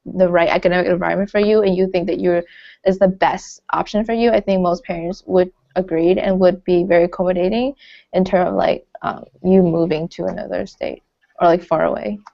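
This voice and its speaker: A woman's voice: lowish voice, steady tone, a little fast, vocal fry, mellow. A young woman from Florida, a college student on a panel, talking casually with many fillers and restarts. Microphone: video call. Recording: lo-fi video call audio.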